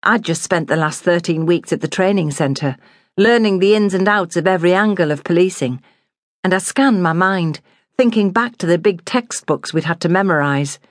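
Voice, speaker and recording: A woman narrating a memoir in a measured, plain storytelling manner. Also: on the low side, dry recording, studio quality.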